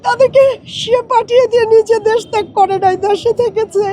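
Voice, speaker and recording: A middle-aged woman with a Bangladeshi accent, crying and sobbing as she gives emotional testimony in a halting, pleading way. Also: very high-pitched, fairly even intonation, mellow. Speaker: political party activist. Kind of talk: emotional spoken testimony to interviewer.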